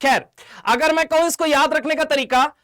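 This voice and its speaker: A chemistry teacher from India giving an online exam-prep lecture. He keeps quizzing his students, calls them 'beta' and 'mere laal', and chants memory tricks slowly. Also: extremely high pitch, steady tone, a bit bright.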